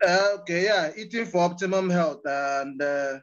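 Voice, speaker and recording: A man's voice: sits high, normal speed. A man with a Nigerian accent gives an informal, hesitant, joking off-the-cuff speech over an online call. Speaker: class association president. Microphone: online video call. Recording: muffled online call audio.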